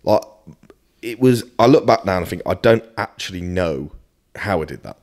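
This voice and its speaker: This low-pitched, expressive voice belongs to a British man in his early thirties, a fitness coach appearing as a podcast guest. He talks at a moderate pace with a slightly mellow tone, keeping the casual chat blunt, sweary and self-deprecating.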